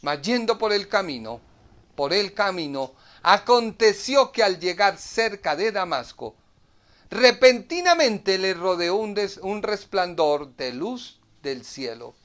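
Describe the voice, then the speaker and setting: Slow, emphatic male Bible teacher. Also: high voice, sing-song, a bit bright. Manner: emphatic, repeats phrases, asks rhetorical questions. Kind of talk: Bible study preaching.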